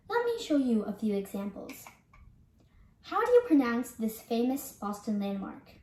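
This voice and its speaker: A young woman presenting a scripted pronunciation lesson, speaking carefully and deliberately like a teacher. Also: fairly high pitch, warm tone, a little hiss or hum. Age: young adult. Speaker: student presenter. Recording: echoey room.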